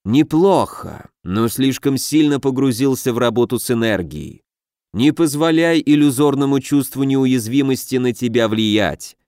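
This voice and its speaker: A man voicing a stern, cold male dark mage teacher in an audiobook, speaking slowly and in a cutting way, a little lower than his own voice. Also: lively intonation, no room sound, clean studio sound. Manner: cutting, slow and measured. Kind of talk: audiobook character voice.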